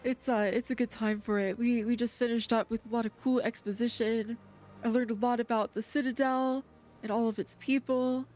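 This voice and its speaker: A woman's voice: on the high side, fairly even intonation, a little fast, darkish tone. A woman livestreaming a game, chatting casually in a cute, friendly anime-streamer manner. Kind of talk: casual livestream chat while playing a game. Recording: game music under the voice. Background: video game music.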